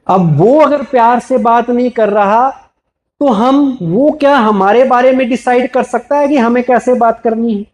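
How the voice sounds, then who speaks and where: Slow, gentle high-voiced male teacher. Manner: asks the audience questions and answers them. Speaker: spiritual speaker. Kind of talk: spiritual talk to an audience.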